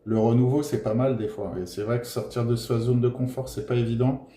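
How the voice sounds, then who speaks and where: A man giving a casual tarot reading to his viewers, gentle and encouraging, pausing often with filler sounds. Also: mid-range voice, fairly even intonation, a little hiss or hum. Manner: hesitant, full of filler pauses. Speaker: tarot card reader. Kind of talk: casual tarot guidance monologue. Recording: roomy echoey room.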